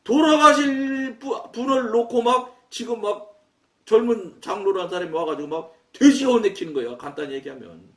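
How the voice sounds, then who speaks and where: High-voiced man preaching, loud and lively, echoey hall, mic kinda far off. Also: moderate pace. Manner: animated and loud, acting out his own quoted words. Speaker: pastor. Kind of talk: sermon storytelling. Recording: echoey room, mic at a distance.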